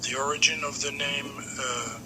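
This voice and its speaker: A Morocco-born man in his seventies recalls his childhood for his grandson over a video call, unhurried and pausing often on "uh". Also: medium pitch, steady tone, a crowd in the background, poor audio. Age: 70s. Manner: unhurried reminiscing, pauses often on "uh". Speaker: grandfather being interviewed. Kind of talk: remote family interview.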